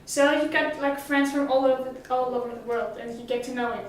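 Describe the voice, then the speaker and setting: A teenage girl from Greece with a high voice, fairly even intonation and a fairly quick pace gives casual interview answers as a summer school student. She sounds hesitant, with many fillers and restarts. The mic sits at a distance in an echoey, roomy space with slight background noise.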